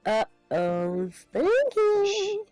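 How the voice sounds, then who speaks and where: A woman playing a tabletop game, chatting casually in an expressive, sweary way. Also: very high-pitched, drawn-out words, over music. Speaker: player.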